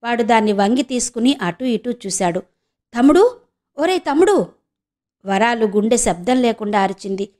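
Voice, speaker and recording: A woman from India narrating a novel in a steady, measured audiobook style. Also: medium pitch.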